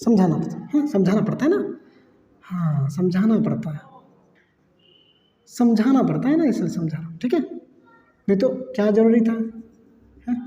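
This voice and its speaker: A man's voice: high voice, sing-song, normal speed, long pauses, warm tone, reverberant, big-room sound, muffled recording. A man teaching biology to students, repeating key terms, quizzing the class and mixing in English phrases. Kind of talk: classroom lecture.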